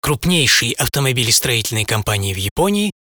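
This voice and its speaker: In studio-quality sound with no room echo, a mid-range male voice moves fairly quickly and very animatedly over a loud music bed. The writer-presenter of the programme tells a dramatized first-person story theatrically, relishing brief phrases.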